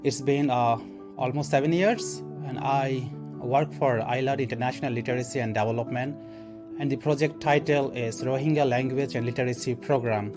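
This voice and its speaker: A man's voice: medium pitch, fairly even intonation. A man from Bangladesh who works for a literacy program, speaking earnestly in an interview and often restarting his phrases. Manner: earnest, explanatory, with halting restarts. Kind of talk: documentary interview segment. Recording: interview over background guitar music.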